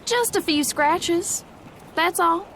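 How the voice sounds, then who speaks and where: An actress playing a gruff, wary young gunslinger in a video game, stubborn and world-weary, with a blunt, folksy Southern US drawl. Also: female voice, very high-pitched, slow pace, a bit bright, slight background noise, heavily acted. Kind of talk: video game character acting.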